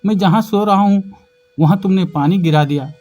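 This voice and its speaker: Impatient, shouting adult son, as a male narrator puts him on, over faint music. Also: high-pitched, normal speed, pitched above the performer's own voice, lightly acted. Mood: irritated. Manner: irritated, shouting.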